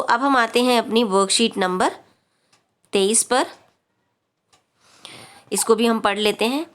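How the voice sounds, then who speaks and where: A woman teacher working through a worksheet in an explanatory classroom style. She talks patiently, with small pauses and fillers as she reads and explains each question. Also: mid-range voice.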